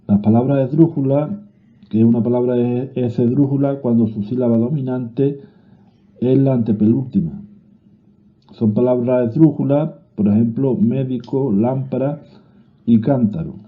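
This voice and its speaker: A man with a Spanish accent reading a grammar lesson aloud, slow and deliberate, sometimes restarting a word. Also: mid-range voice, fairly even intonation. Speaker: teacher. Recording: phone-like narrow-band audio.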